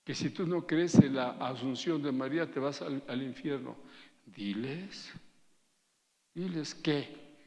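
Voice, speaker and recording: Gravelly preacher in a reverberant hall. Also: male voice, medium pitch, moderate pace, hardly any pauses, warm tone. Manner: conversational preaching with anecdotes, calls for congregation responses. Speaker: pastor. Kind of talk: sermon. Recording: long reverb of a church hall.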